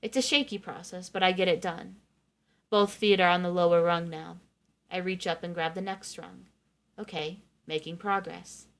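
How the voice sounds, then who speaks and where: Expressive woman narrating a novel. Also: on the low side, moderate pace. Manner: expressive reading, acting out the narrator's thoughts. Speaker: streamer reading a novel aloud. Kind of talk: first-person novel narration.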